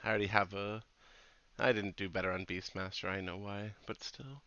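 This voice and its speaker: A man leading a raid group over casual gaming voice chat, relaxed and swearing freely as he organizes everyone. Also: lowish voice, moderate pace, lo-fi sound. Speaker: raid leader and streamer.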